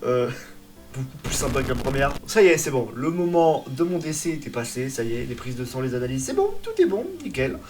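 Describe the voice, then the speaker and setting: A man's voice: mid-range voice, brisk, over music. A young man telling a personal story in a comic vlog style, dramatic, exaggerated and self-mocking. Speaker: vlogger.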